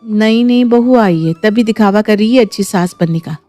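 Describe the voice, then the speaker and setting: A woman's voice: mid-range voice, normal speed, dark tone, no room sound, soft background music, close to an everyday voice. A woman voicing a suspicious, sarcastic young bride in a cartoon story. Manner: sarcastic, argumentative.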